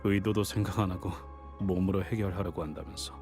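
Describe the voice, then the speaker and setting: An actor playing a gruff, somber young man in a video game story. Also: deep voice, fairly even intonation, racing, over music. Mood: somber, nostalgic. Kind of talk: game voice acting.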